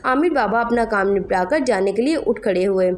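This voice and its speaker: A woman's voice: medium pitch, expressive, normal speed, darkish tone. Woman narrating a horror story.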